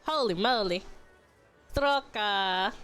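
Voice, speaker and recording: A woman's voice: mid-range voice, slow pace, fairly bright tone, smooth, soft background music. A woman streamer chatting casually while gaming, ranting with lots of swearing and frequent laughter. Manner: foul-mouthed, ranting, laughs often.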